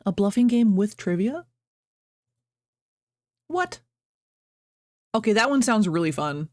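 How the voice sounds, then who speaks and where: A woman's voice: mid-range voice, big pitch swings, takes it slowly, a little mellow, no room sound. Chatty woman streamer in a dry room. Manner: chatty, rambling, reads chat aloud, laughs often. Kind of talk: casual chat with stream chat. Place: at home, birds outside.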